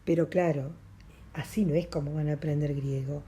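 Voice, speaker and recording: A woman's voice: sits low, fairly even intonation, normal speed, mellow, slightly rough. A middle-aged woman with an Argentine Spanish accent, a language teacher patiently repeating phrases in a recorded lesson.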